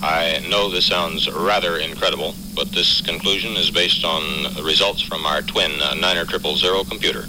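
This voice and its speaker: A calm ground controller over hissy radio. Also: male voice, sits low, moderate pace, hardly any pauses. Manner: calm, clipped radio procedure talk. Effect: radio transmission from ground control. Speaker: mission control radio operator.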